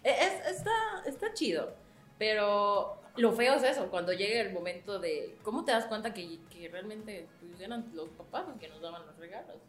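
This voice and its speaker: A woman's voice: mid-range voice, moderate pace, echoey room, soft background music. A woman with a Mexican accent co-hosting a casual podcast, laughing often and swearing freely as she tells stories. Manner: laughing, swearing, lively storytelling. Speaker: podcast co-host.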